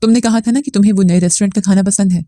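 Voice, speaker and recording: A woman's voice: medium pitch, steady tone, very fast, mellow, no room sound, studio quality, lightly acted. A woman voicing a loving, cheerful young husband speaking tenderly. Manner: affectionate, tender.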